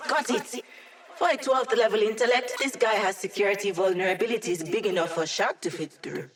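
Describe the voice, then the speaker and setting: A woman's voice: medium pitch, brisk, echoey room, recorded from a distance, natural voice. A woman voicing a cocky, playful young female hacker in a video game, with a wry, teasing, self-assured delivery. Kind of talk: video game character voice lines.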